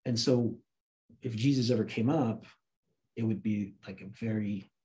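In a lowish voice and measured pace, a man with an American accent, raised in Santa Cruz, California, and working in film, tells a personal anecdote as an interview guest. The telling is informal and animated, with quoted dialogue performed aloud.

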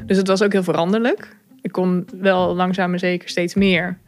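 A woman telling her own story, thoughtful and candid, pausing with fillers and small laughs. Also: fairly low pitch, flat delivery. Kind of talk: personal account, reflective.

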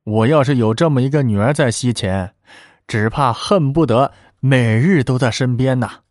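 A man voicing a young, powerful high official who speaks in a relaxed, genial way. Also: moderate pace, dry recording, studio quality, lightly acted.

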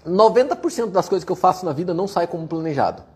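Guy ranting motivation, swears a lot, high-ish voice that swings all over, mocks whiners. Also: animated, racing. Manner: forceful, profane, mocks complainers in whiny voices. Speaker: motivational speaker answering viewer questions. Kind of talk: blunt motivational rant.

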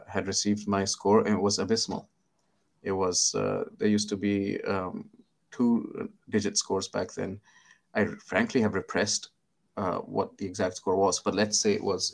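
A middle-aged man from India with an Indian accent, a guest telling his story in an interview, halting and self-deprecating, with many fillers and restarts. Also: on the low side, vocal fry. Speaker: guest, psychiatrist.

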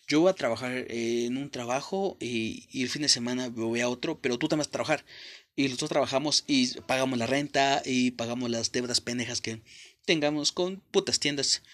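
A man's voice: medium pitch, fairly bright tone. A young Mexican man with a Mexican accent hosting a podcast, giving a blunt, profane motivational talk straight to the listener. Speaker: podcast host. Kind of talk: motivational monologue.

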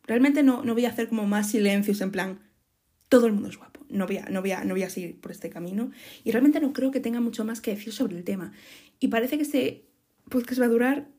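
A young woman from Spain with a Spanish accent talks straight to her listeners in a casual podcast monologue. Her voice sits a little high but sounds mellow and husky. She is frank and chatty, stumbles, restarts and casually swears. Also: brisk. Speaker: podcast host.

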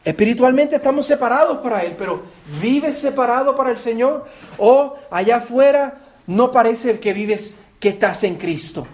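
A man's voice: very high voice, expressive, moderate pace. A man with a Puerto Rican accent preaching a sermon as pastor, earnest, repeating words and asking his listeners direct questions. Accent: Puerto Rican Spanish. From Puerto Rico.

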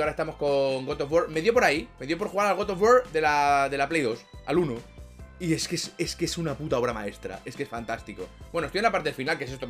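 A man's voice: a little high, fairly bright tone. A man from Spain with a Spain Spanish accent, chatting casually to his viewers, swearing a lot and laughing at his own jokes. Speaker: video creator and streamer. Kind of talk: casual talk to camera.

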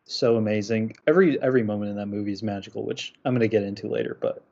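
A young man hosting a podcast, talking through his rankings in a casual, measured way. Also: lowish voice, gravelly, a little mellow. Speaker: podcast host. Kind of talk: casual chat. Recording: muffled lo-fi audio.

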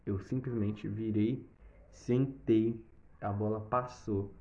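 Animated Brazilian young man telling a story. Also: lowish voice, takes it slowly. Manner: animated, with swearing and sound effects. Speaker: vlogger telling a personal story. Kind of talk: casual storytelling. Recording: slightly dull lo-fi recording.

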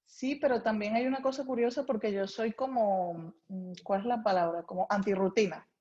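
A mellow, mid-range voice with fairly even intonation and normal speed belongs to a young adult woman from Venezuela who speaks with a Venezuelan Spanish accent. She's a food writer chatting casually as an interview guest about her life, with the highs cut off in the recording.

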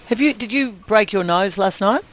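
A man's voice: high voice, normal speed, fairly bright tone. An Australian man working as a radio sports interviewer, putting questions in a conversational style. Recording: muffled radio audio.

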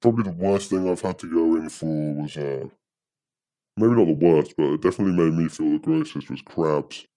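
A man's voice dropped by a pitch-shifting disguise, sitting extremely low. The tone is dark and mellow, and the sound is dry and close. He rambles hesitantly, filling gaps with casual asides. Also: a little fast, no echo. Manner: hesitant, rambling, full of "you know". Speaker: anonymous podcast guest. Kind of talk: casual chat.

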